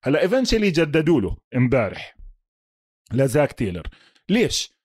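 A man's voice: medium pitch, wildly swooping pitch, moderate pace, darkish tone, no echo, clean studio sound. A man with a Levantine Arabic accent co-hosts a casual American football chat, talking emphatically and mixing in English sports terms and checking questions. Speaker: sports podcast co-host.

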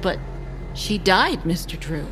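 A woman's voice: lowish voice, sing-song, takes it slowly, music in the background. An actress playing a fearful, deferential woman servant.

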